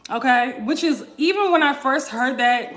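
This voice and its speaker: Emphatic high-voiced woman coach. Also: lively intonation, moderate pace, a bit bright, faint music behind. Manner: emphatic, repeats points, asks "right?" and "okay?". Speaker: wellness coach hosting a live stream. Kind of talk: casual live-stream talk to viewers.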